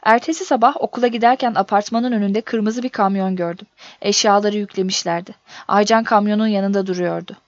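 A woman reading a first-person story aloud in a steady, measured audiobook narration. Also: mid-range voice, no room sound. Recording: dull dry recording.

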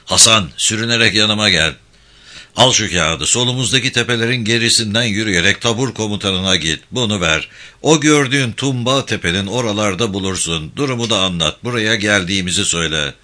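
A man's voice: on the low side, brisk, pushed and bright. Man voicing an eager young army lieutenant. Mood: commanding. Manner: eager, commanding.

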